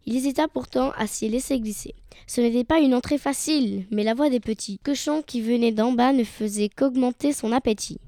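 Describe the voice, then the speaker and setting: Mellow woman reading a children's tale. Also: a little high, brisk, no room sound, clean studio sound. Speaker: storyteller. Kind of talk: storybook narration.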